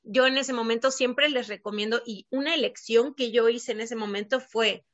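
A woman's voice: a little high, steady tone, moderate pace, dry recording. A woman from Argentina, a child sleep coach, talking earnestly as a podcast guest and filling her speech with little filler words. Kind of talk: casual interview chat. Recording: dull lo-fi dry sound.

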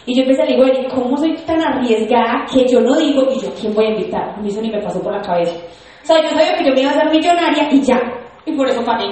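A young woman giving an animated, emphatic motivational testimony to an audience, telling her story. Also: high-pitched, very fast. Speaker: network marketing speaker. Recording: echoey hall.

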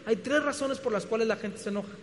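A man preaches in a very high voice, throwing out rhetorical questions and stumbling over restarts. His sermon rings through a hall with a long echo. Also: fast, slight background noise. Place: church hall. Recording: reverberant hall.

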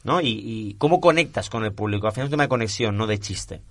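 Animated, laughing man. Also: on the low side, quick pace, no echo. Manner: animated storyteller, laughs often. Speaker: stand-up comedian and guest. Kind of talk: casual interview chat.

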